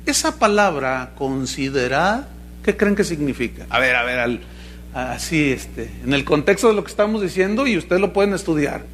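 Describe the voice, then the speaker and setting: Mocking preacher with a high voice. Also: male voice, expressive, normal speed, a bit bright, slight background noise. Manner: mocking, humorous, asks the congregation questions. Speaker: pastor. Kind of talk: sermon.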